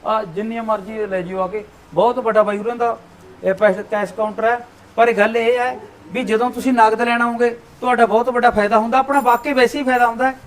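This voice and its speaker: A man hosts a shop promo, firing off short friendly questions at customers. His voice sits very high and he talks at a rapid clip. He keeps the chat brisk and upbeat. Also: fairly even intonation. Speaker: interviewer at a pesticide shop.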